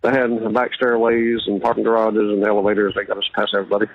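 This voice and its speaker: A man talking over a jail payphone call line, halting and reassuring as he speaks with a jailed relative. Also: fairly low pitch, completely flat delivery. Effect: heard over a jail payphone call line. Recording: tinny phone line with faint hiss.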